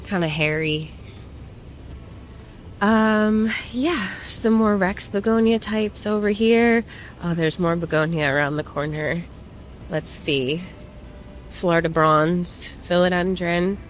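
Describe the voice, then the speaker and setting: A woman's voice: lowish voice, slow, long pauses, slight background noise. A woman chatting casually to viewers in a shopping haul vlog, informal and rambling as she browses and remarks on items. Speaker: plant shopping vlogger. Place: plant shop.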